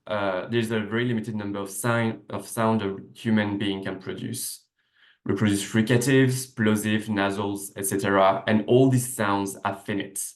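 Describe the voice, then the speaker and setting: This male researcher, a native French speaker, presents a slide-based seminar talk over video from his desk. His slightly low voice walks through ideas methodically, full of "uh" fillers, restarts and self-corrections, while the laptop microphone picks up clear echo from the room.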